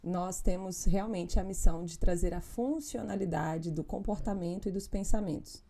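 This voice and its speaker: A woman hosting a podcast as a pastor and psychologist, who talks lively and speaks straight to her listeners. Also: fairly low pitch, normal speed, gravelly. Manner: lively, addresses the audience directly. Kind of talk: casual podcast interview. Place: podcast studio in a farm-like setting.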